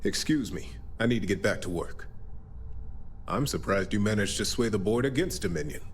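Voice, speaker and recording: A man's voice: on the low side, lively intonation, moderate pace, a little hiss or hum, natural voice. An actor playing an aloof, disapproving male executive in a video game, speaking in a dry, condescending way. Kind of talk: video game character acting.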